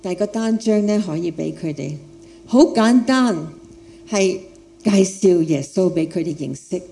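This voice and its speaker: A woman's voice: on the low side, lively intonation, unhurried, creaky, mellow. A woman with a foreign accent in her Cantonese, a non-native speaker, preaching with personal testimony, repeating phrases for emphasis and putting questions to her listeners. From outside Hong Kong, a foreigner. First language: not Cantonese.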